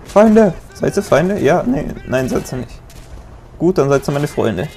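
A young man casually commenting on his gameplay, chatting, joking and yelling at the game now and then. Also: mid-range voice, lively intonation, normal speed, a little hiss or hum. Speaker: let's play gamer.

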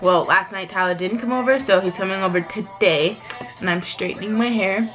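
Sleepy young woman vlogging softly. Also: a little fast, faint music behind. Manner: soft, low-key, chatty. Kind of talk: casual vlog chat.

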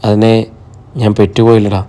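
A man voicing a worried, tender middle-aged mother in an audiobook, speaking softly and coaxingly. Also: fairly low pitch, little pitch movement, normal speed, close to an everyday voice. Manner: soft, anxious, coaxing.

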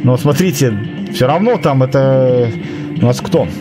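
A man calls live ice hockey play-by-play, excitably, rising to shouts at the big chances. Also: mid-range voice, unhurried, music in the background. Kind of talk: live play-by-play sports commentary.

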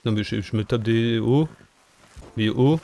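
A man gives casual, jokey gameplay commentary to a friend. His medium-pitched voice is colloquial, with faint noise and game clip-clop and clicks behind it. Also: measured pace, dark tone. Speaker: gaming video co-host.

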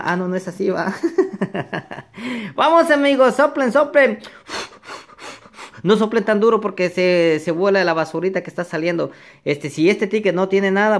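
A man's voice: high-pitched, creaky. A nervous, playful man chatting casually to his viewers as a vlogger, joking and singing to himself. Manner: excitable, playful, jokes and sings along.

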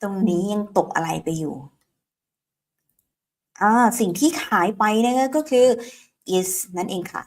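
Female English teacher for an online lesson; slow, drills phrases word by word, quizzes her viewers. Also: mid-range voice, animated. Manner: drills phrases slowly, repeating them word by word; questions viewers and prompts them to repeat aloud.

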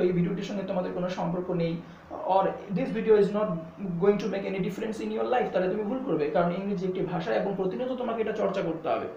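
A man's voice: high-pitched, darkish tone. A man teaching English pronunciation, explaining patiently and spelling words out letter by letter, switching into English phrases. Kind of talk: spoken lesson to camera. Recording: echoey, dull, slightly distant with faint hum.

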